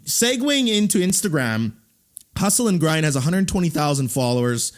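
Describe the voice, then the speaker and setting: A man in his thirties hosting a podcast, talking in animated bursts with frequent restarts. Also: a little high, normal speed. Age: 30s. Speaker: podcast host. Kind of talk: casual interview chat.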